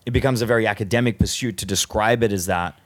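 A man in a casual conversation, talking in a thoughtful, measured and analytical way. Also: lowish voice. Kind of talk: casual conversation about philosophy.

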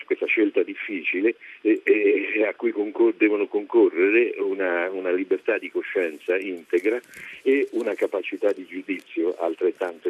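Man, radio phone-in caller, polite and measured, very deep voice, tinny phone line. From Rome, Italy. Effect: phone call heard over a radio broadcast.

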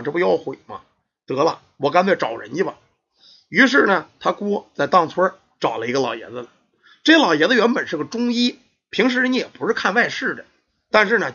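Animated storyteller. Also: male voice, on the high side, slightly rough. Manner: animated, colloquial. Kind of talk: oral folk tale storytelling. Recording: dull lo-fi recording.

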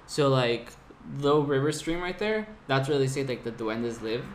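This podcast guest is a young man from California recounting his travels in a casual, lively manner, full of laughter and "like." He speaks at a moderate pace with a mid-range voice. There's some faint noise in the background.

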